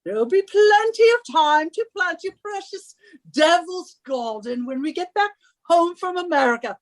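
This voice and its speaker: A woman's very high, expressive voice at a moderate pace brings to life a bossy British wife of a professor in a suspense radio play. Scornful and impatient, she nags, scolds and henpecks imperiously.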